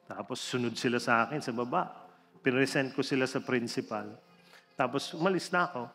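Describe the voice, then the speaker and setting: Animated man telling a story. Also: brisk. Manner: animated, theatrical storytelling with big swings in pitch and loudness. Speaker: religion teacher telling a story to an audience. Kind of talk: inspirational storytelling talk. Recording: reverberant hall with faint background music.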